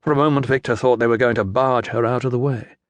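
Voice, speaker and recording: Male audiobook narrator, measured even read, mid pitch, dry studio mic. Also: no echo. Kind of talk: scripted narration. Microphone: close studio mic.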